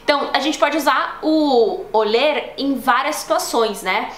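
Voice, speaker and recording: A young woman with a Brazilian Portuguese accent, teaching a casual online language lesson in a chatty, explanatory way that slows down to model words for practice. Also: high voice, a bit bright. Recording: roomy echo, faint background noise.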